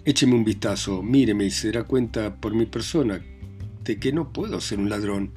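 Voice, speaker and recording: A man voicing a humiliated gentleman who pleads and grovels to be believed. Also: on the low side, normal speed, soft background music, natural voice. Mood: groveling. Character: pleading, humiliated middle-aged man caught under a bed.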